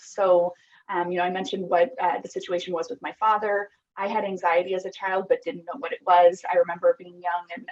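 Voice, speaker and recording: This muffled recording captures a fairly low-pitched woman's voice. The speaker, a thirty-something app founder from Costa Rica, is a podcast guest in a reflective interview, talking frankly and earnestly with frequent ums and likes.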